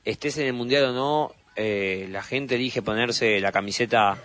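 A man's voice: medium pitch, moderate pace, fairly bright tone, no room sound. A man giving analytical live radio sports commentary as co-commentator.

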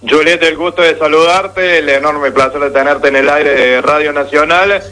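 An Argentine man reporting on radio, explaining things for the audience at length. His voice sits a little high and sounds bright and forceful. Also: fairly even intonation, moderate pace, poor audio. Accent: Argentine Spanish. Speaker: radio journalist. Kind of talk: radio commentary.

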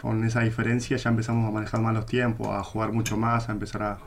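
A man's voice: on the low side, monotone, fast talker, creaky, a little hiss or hum. A young man from southern Argentina with an Argentine accent, a football player answering agreeably in a radio interview. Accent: Argentine Spanish. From Comodoro Rivadavia, Argentina.

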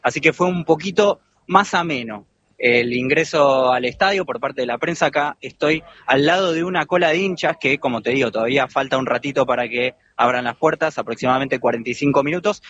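Argentine reporter on a lo-fi remote line. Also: male voice, mid-range voice, a little fast, fairly bright tone, a little hiss or hum. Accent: Argentine Spanish. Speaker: field reporter. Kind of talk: live on-site radio report. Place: outside a stadium.

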